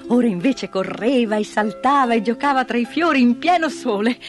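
A woman narrating a children's storybook with lively, expressive delivery. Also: fairly high pitch, normal speed. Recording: dry close mic, soft music behind.

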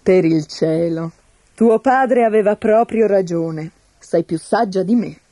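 A woman's voice: mid-range voice, mellow, dry recording. A woman voicing a proud, teasing male tsar in a storybook reading, with blustering, boisterous speech.

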